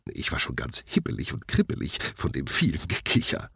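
A man's voice: rumbling low, wildly swooping pitch, brisk, gravelly, a bit bright, breathy edge, no echo, clean studio sound, heavily acted. A man voicing a chatty, gossiping female shopkeeper in a children's storybook who talks on and on. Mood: gossipy.

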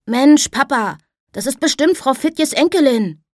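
A woman's voice: sits high, animated, unhurried, no room sound, studio quality, pitched above the performer's own voice. A woman voicing an eager young farm boy. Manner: eager, chatty.

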